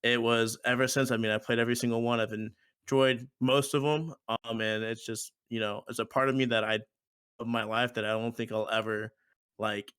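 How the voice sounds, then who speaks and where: Bright, crisp-voiced young man chatting. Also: medium pitch, flat delivery, normal speed, no echo. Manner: rambling, repeats himself, uses "like" a lot. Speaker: podcast co-host. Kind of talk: casual chat.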